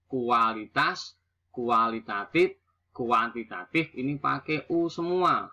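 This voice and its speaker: A man teaching a lesson, reading out word pairs in slow, drawn-out drills. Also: mid-range voice, animated, pushed and bright. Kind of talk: classroom language lesson. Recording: dull lo-fi recording.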